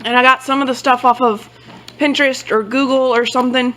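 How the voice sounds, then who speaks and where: A woman's voice: high voice, fairly even intonation, fairly quick, a bit bright, slight background noise, low-quality recording. A woman giving a casual, rambling show-and-tell of her book journal, often correcting herself as she goes. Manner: rambling, self-correcting, loose and chatty. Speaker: book vlogger.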